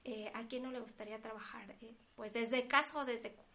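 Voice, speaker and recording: A high-voiced woman co-hosts a casual podcast. She talks conversationally and keeps slipping into little quotes of what other people say. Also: fairly even intonation, brisk, crowd noise. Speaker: podcast co-host.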